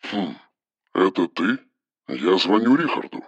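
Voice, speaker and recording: Мужчина озвучивает сурового холодного начальника, который говорит по телефону резко, отрывисто и повелительно. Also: male voice, deep voice, sing-song, takes it slowly, no echo, highs cut off, voice pushed down, heavily acted. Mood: wary. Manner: harsh, clipped, commanding. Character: stern cold male boss on the phone. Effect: phone voice.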